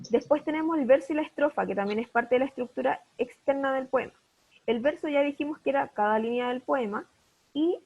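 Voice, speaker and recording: A woman's voice: fairly high pitch, muffled recording, a little hiss or hum. A woman teaching an online primary school class, patiently checking understanding with repeated questions. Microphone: video call.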